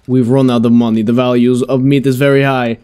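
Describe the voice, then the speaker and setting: A man reading a flat, grim older brother. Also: medium pitch, a little fast, smooth, natural voice. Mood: flat earnest. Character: man's grim older brother, restaurant owner. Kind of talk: reading game dialogue aloud.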